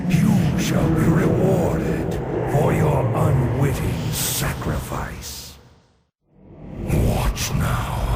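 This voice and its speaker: An actor playing a cruel, cold undead tyrant king in a video game, pompous and menacing, with a gravelly voice. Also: mid-range voice, full character voice. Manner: pompous, slow, theatrical villain delivery. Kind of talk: dramatic video game villain acting.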